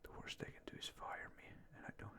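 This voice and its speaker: A man whispering hesitantly and softly in a casual, rambling ASMR style, with a breathy, creaky voice close to the microphone. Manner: slow, hesitant, mindful, self-effacing. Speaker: ASMR video maker. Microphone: close ASMR microphone with fluffy cover.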